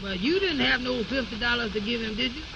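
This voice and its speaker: An anxious, high-voiced, creaky fellow. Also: male voice, quick pace. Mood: worried. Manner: stammering repetitions, deferential, folksy ungrammatical speech. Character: anxious, humble, naive man, easily flustered. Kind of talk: 1930s-40s radio comedy acting. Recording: muffled, noisy old radio recording.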